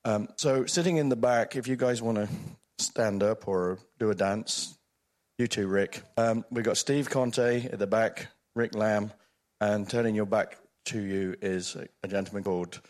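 A man with a croaky voice from being sick, giving an informal, joking conference talk. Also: lowish voice, normal speed. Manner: joking, informal, self-deprecating. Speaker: security officer introducing his team.

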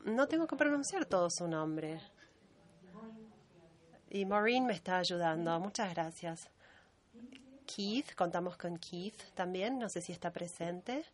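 Low-voiced woman interpreting a meeting. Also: lively intonation, slow pace, long pauses. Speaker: conference interpreter.

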